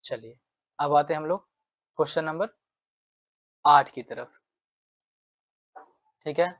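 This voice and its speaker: A man's voice: a little high, slow, fairly bright tone, dry recording, highs cut off. A man teaching an exam-prep vocabulary lesson, repeating phrases over and over and acting out angry demands as examples. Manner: repetitive, drills phrases over and over; acts out angry demands while explaining.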